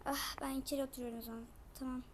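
A woman playing out a family in a toy game, chatty and quick, switching between voices. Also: high-pitched, little pitch movement, a little hiss or hum. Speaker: game role-play narrator.

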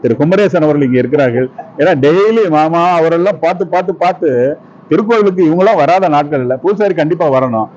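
Fast-talking man hosting a TV event. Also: fairly high pitch, lively intonation, a little mellow. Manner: effusive, rapid introductions. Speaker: TV host. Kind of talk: live event commentary. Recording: dull lo-fi sound.

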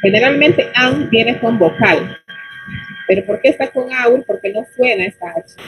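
A fairly high-voiced woman teaching beginners English over an online call. She explains in Spanish, says English words slowly and often asks "¿no?" and "¿ya?" to check that her students follow. Faint music can be heard behind her. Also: low-quality recording.

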